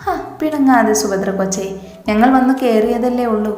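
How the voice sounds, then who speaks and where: A woman's voice: fairly high pitch, normal speed, a little mellow, reverberant, faint music behind, lightly acted. A woman reading as a cheeky young woman. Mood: coaxing. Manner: cheeky, joking.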